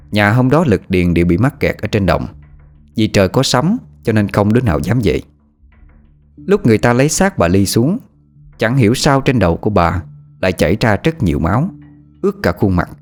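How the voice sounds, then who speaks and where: A man narrating a rural horror story in a steady, plain reading voice. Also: lowish voice.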